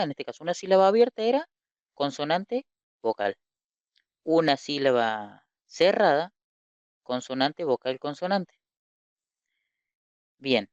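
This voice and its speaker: A man teaching an online lesson from slides, speaking deliberately, repeating key terms and asking rhetorical questions. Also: on the high side, a little mellow, clean tone, no room sound. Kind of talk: online lecture explaining slides. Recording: slightly muffled lo-fi recording.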